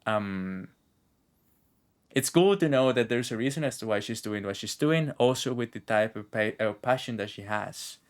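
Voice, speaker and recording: A game streamer with a lowish, clean-toned voice rambles animatedly at a normal speed, thinking aloud as he casually commentates on the video game he's playing. Game music and dialogue play in the background.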